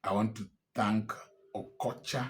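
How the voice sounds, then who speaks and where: Here a commentator in his sixties, with a Nigerian accent, makes an emphatic, defiant political address that rises to angry outbursts. His fairly low, fairly bright voice holds a steady tone and moves a little slowly.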